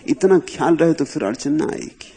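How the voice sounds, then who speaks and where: Husky man giving a lively spiritual discourse. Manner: slow, emphatic, rising to sudden high stresses. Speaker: spiritual teacher. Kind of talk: discourse on mystic poetry.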